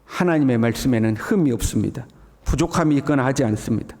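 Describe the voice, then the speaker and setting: A man's voice: medium pitch, fast, darkish tone. A male pastor giving an early morning sermon, often acting out the mocking voices of scoffers. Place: church sanctuary. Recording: church hall with long reverb.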